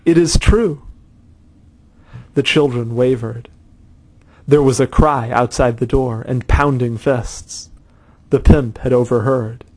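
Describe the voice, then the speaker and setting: A man's voice: medium pitch, a little mellow. Man narrating a story steadily.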